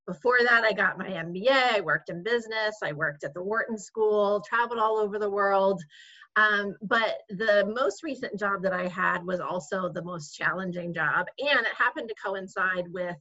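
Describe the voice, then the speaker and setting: Woman in her forties, bright tense voice, chatty, lots of "like", dull lo-fi recording. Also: mid-range voice, moderate pace. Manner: chatty, laughs often, uses "like" a lot. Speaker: guest, organizing consultant. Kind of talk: casual interview chat. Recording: dull lo-fi sound.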